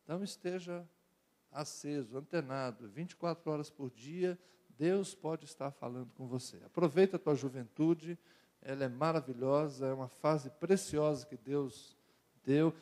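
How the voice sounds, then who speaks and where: Brazilian pastor preaching with jokes. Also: male voice, a little high, a little mellow. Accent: Brazilian Portuguese. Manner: conversational preaching with jokes and rhetorical repetition. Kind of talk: sermon to young people.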